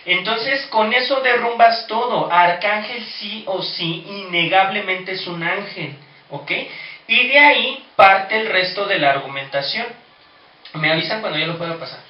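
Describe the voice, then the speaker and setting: A man with a high voice teaching a Bible study and reasoning through points with rhetorical questions. He sounds far from the mic in an echoey room, and the recording is dull. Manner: explanatory, asks rhetorical questions.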